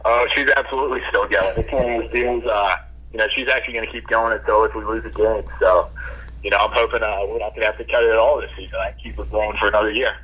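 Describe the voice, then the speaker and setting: A man's voice: fairly low pitch, fairly even intonation, fast talker, a bit bright, breathy edge. A young man, a college football player, giving easygoing, casual interview answers over the phone and saying "you know" a lot. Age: young adult. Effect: heard over the phone. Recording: muffled phone line.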